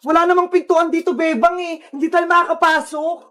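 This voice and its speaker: Brief: extremely high cartoon voice, frantic, shouting for help. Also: fairly even intonation, brisk. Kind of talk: cartoon voice acting.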